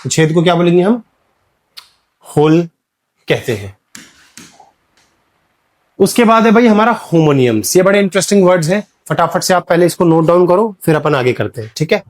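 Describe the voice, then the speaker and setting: A fairly high-voiced man teaching a Hindi-speaking class about English words. He keeps asking the students questions and checking that they follow. He drops into slow, careful English for the example sentences. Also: expressive. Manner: calls students "beta", repeats "clear hai?". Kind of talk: classroom lecture.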